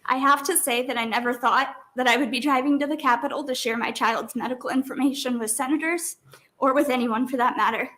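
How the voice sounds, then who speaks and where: A high-pitched woman in middle age speaks as she testifies before a committee. She is emotional, and her voice wavers as she holds back tears. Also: fairly even intonation, a little fast, fairly bright tone. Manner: emotional, voice breaking, tearful. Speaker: parent testifying at a hearing. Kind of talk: public testimony.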